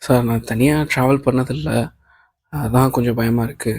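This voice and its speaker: A man's voice: medium pitch, steady tone, moderate pace, darkish tone, slightly rough, dry recording, natural voice. A man reading the lines of a young woman employee, anxious and overjoyed, in an audiobook of a novel, naming the speaker before each line. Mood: grateful.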